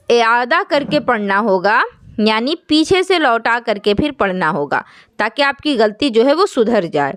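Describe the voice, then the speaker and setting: Woman teaching an online class, slightly high voice. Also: a bit bright. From Jammu, India. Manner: explains slowly, asks the students questions. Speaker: Quran recitation teacher.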